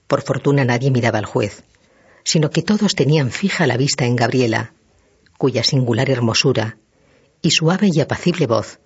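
Male narrator, husky voice, measured dramatic audiobook reading, dull lo-fi recording. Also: medium pitch. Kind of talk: audiobook narration of a classic novel.

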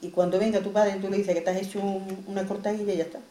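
A woman's voice: mid-range voice, little pitch movement, mellow, reverberant, natural voice. A woman voicing a bossy, resourceful neighbor who scolds and reassures in a folk tale. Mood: coaxing. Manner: scolding, coaxing, quick reassurance.

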